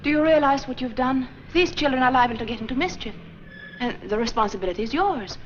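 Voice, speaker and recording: An actress playing a dutiful nun who runs a parish school, born in Sweden and raised in Minnesota, speaking in a prim, brisk way. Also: female voice, high voice, natural voice. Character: proper, dutiful female nun running a school. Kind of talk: 1940s film acting. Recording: dull, slightly hissy 1940s film soundtrack.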